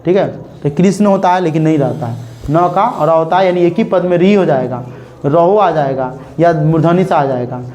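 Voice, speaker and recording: High-voiced Bihari man teaching Sanskrit grammar. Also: darkish tone, muffled recording. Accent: Bihar Hindi. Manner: repeats checks like "clear?" to students; slowly spells out examples, repeating words. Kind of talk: classroom grammar lesson.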